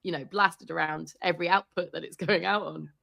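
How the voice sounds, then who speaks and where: A woman sports reporter chatting as an interview guest, telling animated stories and laughing often. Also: fairly low pitch, brisk, vocal fry. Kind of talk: casual interview chat.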